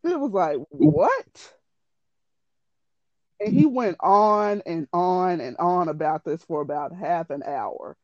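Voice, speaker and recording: A woman's voice: fairly low pitch, animated, takes it slowly, dry recording. A woman animatedly retelling a story in casual, profane, exasperated chat. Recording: dull lo-fi dry audio.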